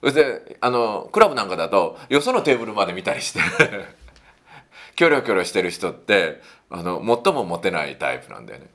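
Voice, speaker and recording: Talking a little quickly, a man offers dating tips in a relaxed solo chat, punctuating each point with an affirming "un." He is lively, dramatizing small quotes as his pitch swoops up and down.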